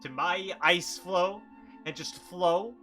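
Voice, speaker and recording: A man's voice: sits high, slow pace, bright, forceful tone, exaggerated voice. A man as a taunting vampiric fog cloud. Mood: taunting, smug. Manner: taunting, mock-menacing. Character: cocky, heckling vampiric mist, a talking fog cloud. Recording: music playing behind.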